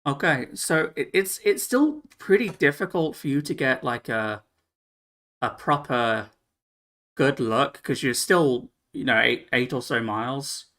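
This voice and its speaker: A man narrating as game master of a tabletop game, halting with fillers and restarts. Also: medium pitch, lively intonation, a bit bright.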